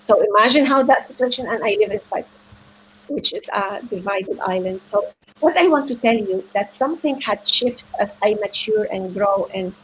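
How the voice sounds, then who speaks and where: The guest speaker is a Venezuelan psychotherapist delivering a heartfelt motivational talk by video call in a low-quality recording with slight background noise. Medium in pitch, she speaks in an earnest, halting way, frequently repeating words as she looks for what to say.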